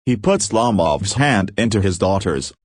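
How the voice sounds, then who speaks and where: A man's voice: sits low, sing-song, a little slow, no echo, clean studio sound. A man reading a play aloud as an audiobook, naming the speakers and stage directions. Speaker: audiobook reader.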